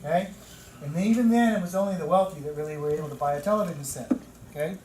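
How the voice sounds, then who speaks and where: A man's voice: fairly high pitch, fast. Man in his fifties lecturing a room. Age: 50s. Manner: animated storytelling, repeats words for emphasis. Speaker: teacher trainer. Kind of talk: classroom lecture. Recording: echoey room from far off, noisy.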